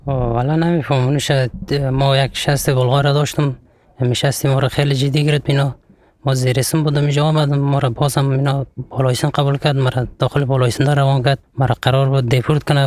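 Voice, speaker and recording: A young man from Afghanistan telling his own story in plain, halting sentences. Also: mid-range voice, darkish tone, no echo. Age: young adult. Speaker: interviewee. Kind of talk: personal account.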